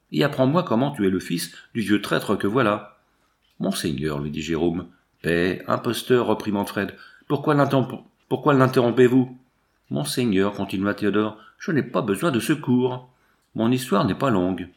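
A man narrating a classic gothic novel as an audiobook, voicing the dialogue of each character himself. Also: mid-range voice. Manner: reads all the characters himself, voicing them lightly. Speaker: audiobook reader. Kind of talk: scripted narration.

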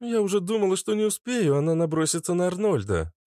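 A woman's voice: fairly low pitch, very animated, quick pace, mellow, no echo, clean studio sound, pitched above the performer's own voice. A man voicing an earnest young woman fighter with ice powers, in an audiobook reading.

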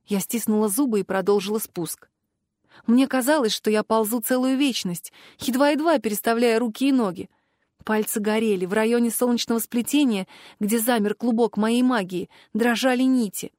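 A woman with a fairly high voice narrates a first-person fantasy audiobook, expressive and emotional. The close studio mic gives a dry sound with no room around it. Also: moderate pace, dry recording.

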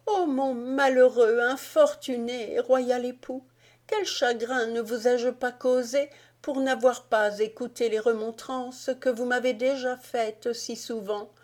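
A distraught queen pleads through her sobs, her voice lifted high above the narration, as a woman reading the story puts her on. Her words break and tremble. It is a storybook read aloud. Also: steady tone, takes it slowly, a little mellow. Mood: pleading.

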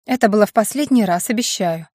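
A woman's voice: mid-range voice, fast talker, a little mellow, no echo, studio quality, lightly acted. Woman doing a teasing capricious witch. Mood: sly.

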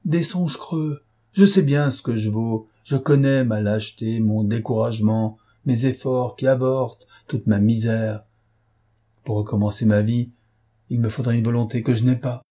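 A man's voice: mid-range voice, fairly even intonation, moderate pace, mellow, husky, lightly acted. A man reading an audiobook voices a weak-willed young man who pleads anxiously. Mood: despairing.

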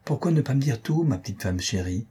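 A man's voice: medium pitch, expressive, brisk, warm tone, breathy edge, pitched above the performer's own voice. A man reading a fickle, playful young count. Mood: tender. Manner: light, teasing, affectionate.

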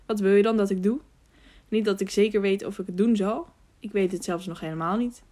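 A woman's voice: mid-range voice, fairly even intonation, a little fast, mellow, lightly acted. A woman reading an audiobook, voicing a cheerful young peasant boy who is wary and doubtful, later teasing.

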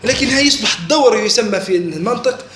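High-voiced man teaching in an echoey room. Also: animated, fast. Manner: keeps checking students understand, asks questions. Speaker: religious teacher. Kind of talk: classroom religious lesson. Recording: echoey room with faint noise.

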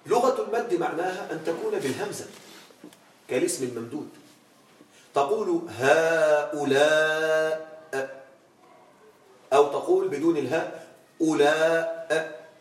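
A man teaching an Arabic grammar lesson in a classroom, quizzing his students with questions and stretching out words slowly for emphasis. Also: fairly high pitch, darkish tone. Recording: echoey room, from far off.

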